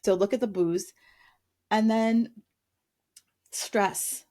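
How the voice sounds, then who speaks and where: A woman's voice: mid-range voice, fairly even intonation, extremely slow, warm tone. A middle-aged woman coaching on diet in casual interview chat, emphatic and blunt, often restarting her sentences. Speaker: guest, weight coach.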